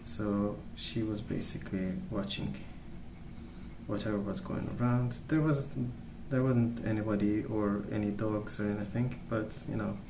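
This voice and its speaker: An ASMR video creator, a man with a lowish voice, rambles softly in a casual storytelling style, calm, gentle and unhurried. The recording sounds roomy, with clearly audible background noise.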